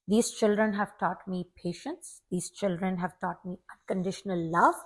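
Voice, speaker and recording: A longtime teacher from Pakistan, a woman in her forties, speaks earnestly and reflectively as a guest in a casual interview, often repeating a word as she begins. Her voice is medium-pitched and steady at a moderate pace.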